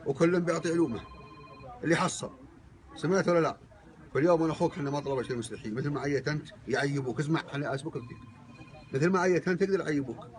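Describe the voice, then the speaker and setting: A man's voice: a little high, rapid-fire, slight background noise. A man with a Saudi accent pleading his side as a mediator in a group argument, insistent and repetitive.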